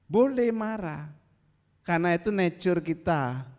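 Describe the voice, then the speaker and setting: Lively pastor preaching in an echoing hall. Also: male voice, sits high, a little slow. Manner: animated, teasing, acts out angry voices. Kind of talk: sermon. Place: church.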